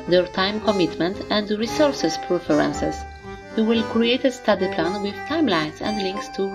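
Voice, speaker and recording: A woman who hosts an educational video channel delivers scripted explainer narration in English over background music. Her voice is low-pitched and slightly rough. She speaks in short phrases of simple, slightly unidiomatic English.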